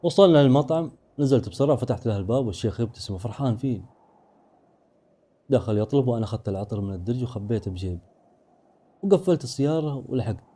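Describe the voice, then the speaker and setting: A man narrating a first-person horror story in a brisk, dramatic way. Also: medium pitch, expressive, mellow.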